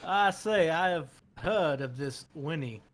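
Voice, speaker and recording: A man's voice: a little high, lively intonation, slow. A man voicing a washed-up male panda crook who speaks formally and politely. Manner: formal, old-fashioned phrasing.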